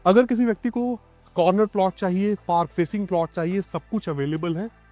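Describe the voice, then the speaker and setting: A man hosting an outdoor property tour, explaining things clearly and addressing viewers as friends. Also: high-pitched, a little fast, a little mellow, no echo, soft background music. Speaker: property video host. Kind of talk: on-site property tour interview. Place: outdoors at a plot site.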